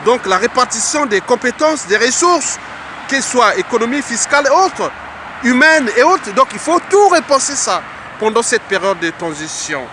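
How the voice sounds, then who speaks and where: Congolese guy giving an earnest speech, kinda high voice, repeats lines like an orator, street noise all around. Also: big pitch swings, normal speed. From Republic of the Congo. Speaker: political speaker. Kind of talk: political address.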